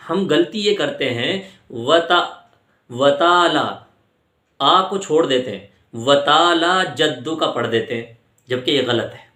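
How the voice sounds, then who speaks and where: A man with an Indian Urdu accent gives a patient religious lesson, drawing out each word slowly so it can be copied. His voice is bright and a little high. The sound is echoey, as if recorded in a bare room. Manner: patient, repeats words slowly to model pronunciation. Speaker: Islamic teacher. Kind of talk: religious instruction on prayer pronunciation.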